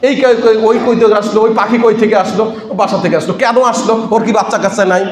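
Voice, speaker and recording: Male preacher, Bangladeshi accent, animated sermon with call-and-response, reverberant PA sound. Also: high voice, fairly quick. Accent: Bangladeshi Bengali. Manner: lively storytelling, prompting audience responses. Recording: echoey PA sound at a religious gathering.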